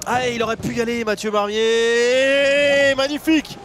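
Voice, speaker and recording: A man's voice: extremely high pitch, level tone, measured pace, background noise. A man giving live handball commentary in an exclamatory, emphatic way. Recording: loud music bed under broadcast commentary.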